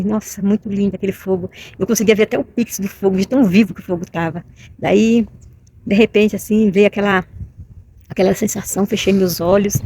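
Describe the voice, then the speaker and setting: A woman's voice: medium pitch, dark tone, breathy edge. A middle-aged woman with a Brazilian Portuguese accent, telling a personal story to camera in an emotional, repetitive way, often asking "you know?". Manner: emotional, repetitive, with many tag questions. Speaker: vlogger.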